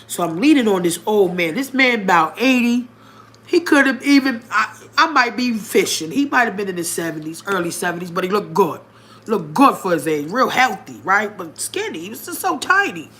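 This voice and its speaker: Talking straight to her viewers, a frank woman relates something personal with a casual, punchy delivery that surges in pitch and loudness. She sounds expressive and speaks at normal speed over a slight hiss or hum.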